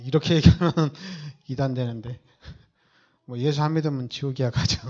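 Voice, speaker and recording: A man's voice: medium pitch, fairly even intonation, moderate pace, darkish tone, dull audio. A man preaching a sermon as pastor, emphatic and repetitive, with many rhetorical questions.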